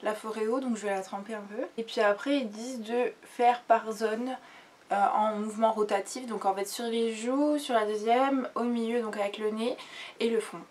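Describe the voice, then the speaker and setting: A woman's voice: fairly high pitch, steady tone, moderate pace, a little mellow. Chatty young woman, distant camera mic. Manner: chatty, rambling, many fillers and restarts. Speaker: beauty vlogger. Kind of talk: casual product review. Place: bedroom, sitting on her bed. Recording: distant camera mic with faint room noise.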